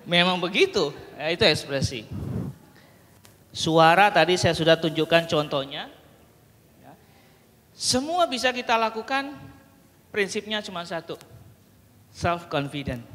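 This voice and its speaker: Animated, high-voiced male workshop trainer. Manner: animated and playful, shifts between coaching and acted storytelling. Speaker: public speaking trainer. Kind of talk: workshop lesson on storytelling for children. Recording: long hall reverb, faint room noise.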